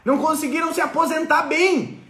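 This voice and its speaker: A woman's voice: sits high, brisk, a bit bright, reverberant. A woman acting out an exasperated, self-pitying everyday woman who complains with sighs and whines. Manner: whiny, sighing, exasperated.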